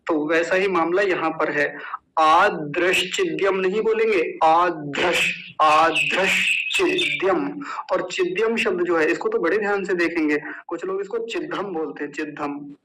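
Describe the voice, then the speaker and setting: A man's voice: high voice, brisk, few pauses, fairly bright tone, a little hiss or hum, rough recording. A man teaching a recitation lesson, patiently sounding out words syllable by syllable and asking listeners to repeat after him. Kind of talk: slow, careful recitation lesson.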